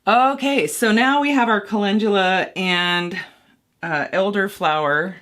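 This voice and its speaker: A woman's voice: medium pitch, unhurried, fairly bright tone. A woman making mead at home and casually talking the viewer through each step, rambling and poking fun at her own mistakes. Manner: rambling, self-deprecating, thinking aloud. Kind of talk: casual how-to vlog.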